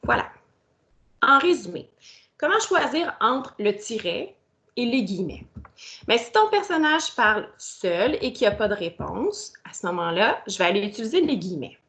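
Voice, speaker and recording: A woman's voice: fairly high pitch, big pitch swings, moderate pace, sharp tone. A woman teacher, explaining a grammar lesson step by step and speaking directly to the pupil. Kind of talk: recorded grammar lesson for children.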